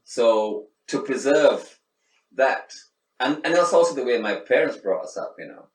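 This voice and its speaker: This middle-aged man from Sri Lanka has a mid-range, expressive voice and talks a little slowly. He reflects casually in an interview full of fillers and restarts, picked up by a distant mic in an echoey room with faint noise behind him.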